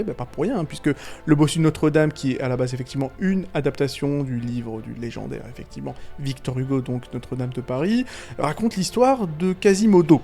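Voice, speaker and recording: A man giving casual, rambling video commentary on animated films, full of fillers, restarts, slang and chuckles. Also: fairly high pitch, gravelly. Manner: slangy and irreverent. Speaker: YouTube film commentator.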